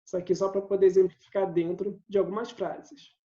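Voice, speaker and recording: A man's voice: sits high, flat delivery, fairly quick, dark tone. A man, an English teacher giving a recorded video lesson, explaining patiently step by step and often checking in with his listeners. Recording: roomy, slightly dull sound.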